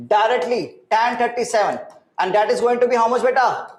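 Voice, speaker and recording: High-pitched Indian male physics teacher, echoey. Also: quick pace. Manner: repeats phrases, asks frequent checking questions; mixes Hindi words into English. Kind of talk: interactive online class teaching. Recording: echoey room sound.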